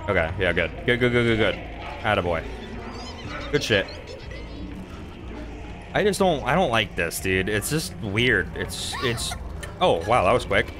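Casting: male gaming streamer, low-pitched, lively swooping delivery, profane and excitable. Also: normal speed, music in the background. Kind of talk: casual let's-play commentary.

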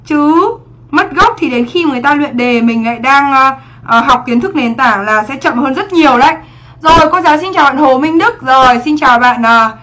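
A woman's voice: sits high, a bit bright. A young woman teaching English on a livestream exam review, chatty and checking in with her students often.

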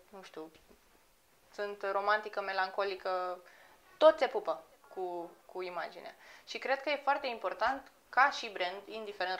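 Lively woman singer talking casually. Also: medium pitch. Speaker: guest, singer. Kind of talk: casual interview talk.

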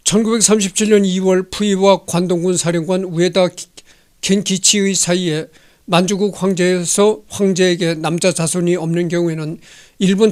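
A man in his sixties hosting a history channel, reading a text aloud and commenting on it in a chatty, digressive way with many rhetorical questions, holding a handheld microphone indoors. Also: sits high. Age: 60s. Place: indoor home studio.

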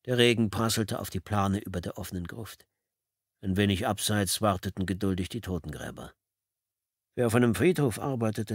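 A man narrating a first-person audiobook in a calm, measured reading. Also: deep voice, slightly rough, dry recording, studio quality.

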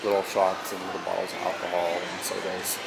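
A man narrating a casual walking tour as he moves through a casino, relaxed, with fillers and loose phrasing. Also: sits low, brisk, gravelly, very noisy. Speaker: tour guide vlogger. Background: loud casino music.

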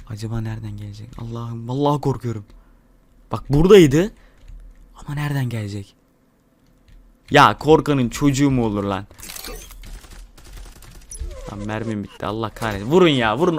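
A young man narrates his own match as he plays. He talks straight to his viewers in an excitable, swearing stream of commentary. His voice sits at an ordinary male pitch. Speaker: gaming channel host. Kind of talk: live gameplay commentary.

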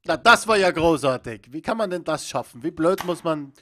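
A man giving jokey, excitable commentary while playing a video game, often shouting at it. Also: a little high, moderate pace, a little hiss or hum. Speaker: let's play gamer. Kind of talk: casual gameplay commentary.

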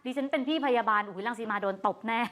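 A woman hosting a lively news show, chatting directly to the viewers as she comments on a clip. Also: on the high side, very fast.

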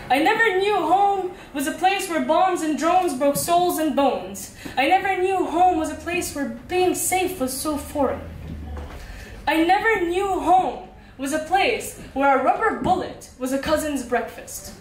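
High-voiced young woman reciting poetry. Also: expressive, a little slow, slight background noise. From Qatar. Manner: conversational intro, then rhythmic repeated-line recitation. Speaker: spoken word poet. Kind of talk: spoken word poetry reading. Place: small cafe performance space, indoors. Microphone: handheld mic, filmed by a far camera. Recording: roomy, distant camera recording.

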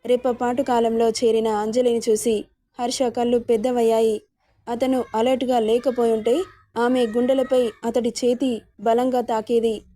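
A woman's voice: fairly high pitch, level tone, normal speed, mellow, dry recording. Woman reading a serial love story. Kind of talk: audio story narration.

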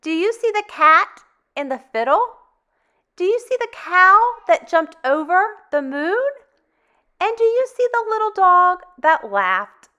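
This woman's high voice has a sharp tone, and the sound is lo-fi. She hosts storytime for young children, reading aloud slowly in an exaggerated sing-song with wide pitch swings and careful enunciation of each phrase for preschoolers.

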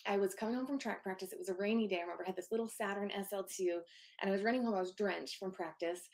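Over a video call from her home office, a guest in her thirties tells her own story, her mid-range voice quiet and touched with gravelly fry. She comes across as sincere and open, stopping often on fillers.

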